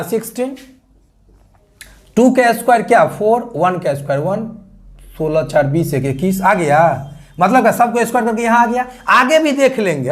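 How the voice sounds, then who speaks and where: High-voiced teacher coaxing his class. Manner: coaxing, asks the class questions and answers them; mutters sums under his breath while working. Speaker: reasoning teacher. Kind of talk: classroom lecture.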